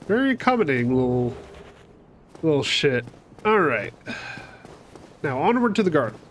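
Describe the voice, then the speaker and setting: With a slightly high, sing-song voice at normal speed, a gaming channel host fighting a cold narrates gameplay in casual let's-play style. He's chatty, swears casually, and talks to enemies on screen. There's slight background noise.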